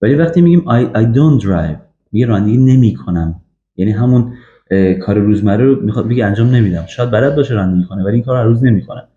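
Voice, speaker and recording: Guy teaching english grammar, really dark mellow voice, lots of ums, roomy dull recording. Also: lowish voice. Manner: slow, repeated drill examples with frequent fillers. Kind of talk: grammar lesson. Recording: echoey, dull lo-fi room recording.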